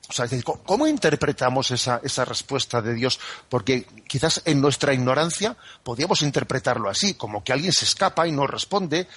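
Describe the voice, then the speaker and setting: A man from Spain, a priest explaining the catechism on a radio program, who talks in an unhurried, conversational way and keeps checking in with "¿eh?" and "¿no?". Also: mid-range voice, animated, a bit bright, breathy edge. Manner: unhurried and conversational, full of "¿eh?" and "¿no?" tags. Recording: dry studio radio broadcast.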